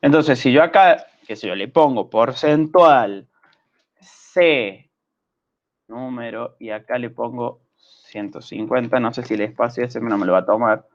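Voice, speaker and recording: This man teaches programming in an online class, speaking with an Argentine Spanish accent at a medium pitch. He explains things patiently and often pauses to check understanding with quick questions. The audio is lo-fi.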